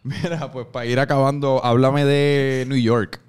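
Playful podcast host. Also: male voice, medium pitch, level tone, measured pace, smooth. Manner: joking, playful, teasing. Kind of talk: casual interview chat.

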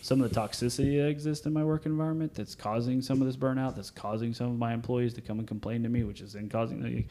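A man's voice: medium pitch, steady tone, quick pace, few pauses, warm tone. A man co-hosting a podcast in casual chat, rambling with many restarts and fillers. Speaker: podcast co-host.

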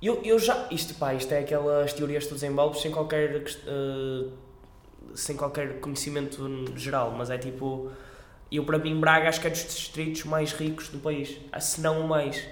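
A man's voice: a little high, steady tone. A man, chatting casually and slangily, often correcting himself mid-sentence. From northern Portugal. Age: 20s. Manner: slangy, halting self-corrections. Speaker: master's student. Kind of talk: casual chat among friends. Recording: roomy, echoing space.

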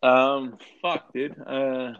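A man's voice: medium pitch, level tone, extremely slow, fairly bright tone, highs cut off, slight background noise. A man, chatting casually as a guest, stammering, repeating words and swearing a lot. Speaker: podcast guest. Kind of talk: casual chat.

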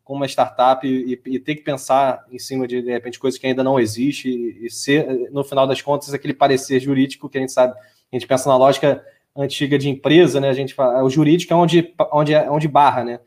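Brief: Brazilian man, interview host, rapid and halting, repeats words. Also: medium pitch, little pitch movement, darkish tone. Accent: Brazilian Portuguese. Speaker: host, lawyer. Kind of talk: conversational interview.

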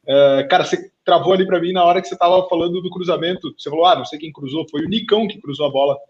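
A man with a Brazilian Portuguese accent hosting a live football talk stream, chatting casually and handing off to co-hosts, heard through low-quality online stream audio. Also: racing, a little mellow, dull audio. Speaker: sports show host.

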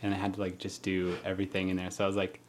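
A man from Colorado talking as a podcast guest in his home studio, relaxed and laid-back, saying like and kinda a lot. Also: low-pitched, very fast, a little hiss or hum. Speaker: podcast guest, music producer. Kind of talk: casual interview chat.

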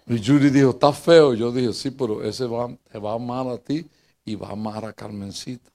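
An older man with a Puerto Rican accent, preaching in a church as pastor and telling funny personal stories, jumping between loud bursts and quiet asides. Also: moderate pace. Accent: Puerto Rican Spanish. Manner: lively, joking storyteller who swings between loud bursts and low asides.

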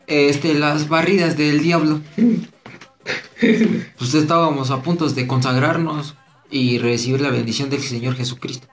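A man with a Mexican accent and a fairly high voice trades crude jokes with friends, laughing and cursing freely. His voice bounces around an echoey room. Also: fairly even intonation, a little slow. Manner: laughs often, swears a lot. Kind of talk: casual crude joking banter.

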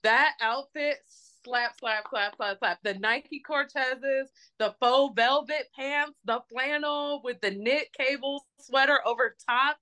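A woman co-hosting a podcast, chatting casually about movies, animated and swearing freely as she acts out reactions. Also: high voice, takes it slowly, hardly any pauses. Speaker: podcast co-host. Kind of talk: casual chat reviewing movies.

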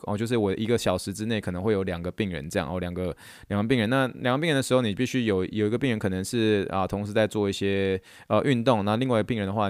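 A man, hosting a casual chat and telling stories in a lively way that acts out what people said. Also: fairly low pitch, smooth, no echo, studio quality. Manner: animated storyteller who acts out quotes. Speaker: podcast host and therapist.

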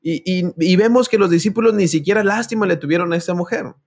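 A man's voice: high-pitched, fast talker. A man preaching a sermon, telling a personal story, reading scripture aloud and speaking directly to his listeners.

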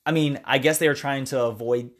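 A man of ordinary pitch talks easily through a film's story, stopping now and then to act out a line. His delivery is relaxed and conversational, the tone of a friend chatting on a podcast. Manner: retells scenes at length, acting out lines in quick character voices. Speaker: podcast co-host recapping a movie. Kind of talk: casual chat.

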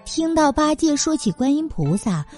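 A woman narrating a classic story for children in a gentle, sing-song manner. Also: high voice, big pitch swings, normal speed, faint music behind. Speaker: storyteller host.

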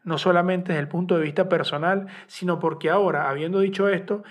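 A man in his thirties with a Venezuelan accent delivers a personal podcast monologue. His voice sits high for a man, and he speaks candidly and earnestly, addressing the audience directly. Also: fairly even intonation, a little fast. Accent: Venezuelan Spanish. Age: 30s. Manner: candid, earnest, talks straight to listeners. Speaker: podcast host.

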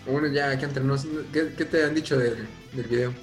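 A man's voice: medium pitch, fairly even intonation, moderate pace, faint music behind. A man with a Mexican accent bantering in a casual podcast, teasing his co-host and jumping in with jokes. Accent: Mexican Spanish. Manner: teasing, jumps in with jokes and punchlines.

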